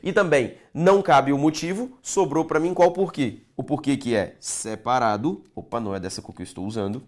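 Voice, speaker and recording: In a Portuguese grammar video aimed at exam candidates, a medium-pitched male teacher writes on the board as he explains. He asks the class rhetorical questions and drags out important words slowly.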